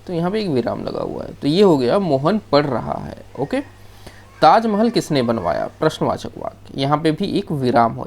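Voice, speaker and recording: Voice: mid-range voice, darkish tone. A teacher giving a screen-shared grammar lesson, explaining step by step in a loose, off-the-cuff way and often checking in with the class. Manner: loose, off-the-cuff delivery with restarts.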